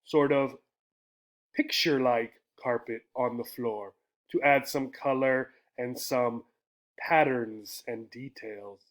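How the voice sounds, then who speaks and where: A man with a medium-pitched, steady voice teaches an English lesson slowly, explaining step by step in a didactic style. He asks frequent questions, uses check-in tags, and includes a poem reading.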